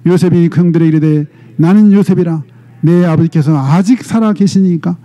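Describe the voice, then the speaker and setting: Male pastor, middle-aged, dramatic sermon delivery with a high, dark-toned voice. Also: a little fast. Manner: animated, dramatic retelling with frequent "eh?" prompts to the congregation.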